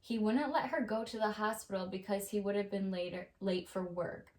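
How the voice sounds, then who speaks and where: A woman co-hosting a casual chat podcast, her voice sitting at an ordinary middle pitch. She tells her stories with energy and swears freely along the way. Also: moderate pace. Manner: animated storyteller, swears freely. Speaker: podcast co-host; mother.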